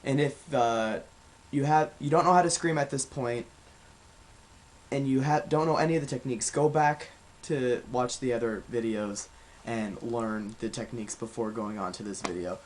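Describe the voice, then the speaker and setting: A young man talks through vocal technique in a relaxed video lesson, at a middling pitch. He rambles a little and fills pauses as he explains. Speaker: vocal coach.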